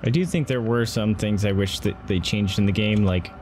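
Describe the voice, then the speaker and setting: Sitting at his computer streaming setup indoors, a game streamer gives casual live commentary over game music, reacting and swearing as he talks to himself and his viewers. His voice is on the low side, a little mellow, at a moderate pace.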